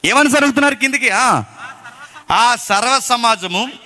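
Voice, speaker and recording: A man's voice: extremely high pitch, expressive, a little slow, pushed and bright. A man preaching a sermon with passion, often putting questions to his listeners. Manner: impassioned, rhetorical questions to the congregation. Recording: long hall reverb.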